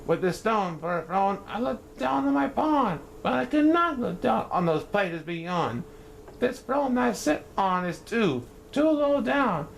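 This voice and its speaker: A man voicing a pompous, boastful male turtle king, shouting his commands in a grand manner. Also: sing-song, measured pace, gravelly, slight background noise, exaggerated voice, poor audio. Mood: grandiose. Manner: shouting, grandiose, high and strained.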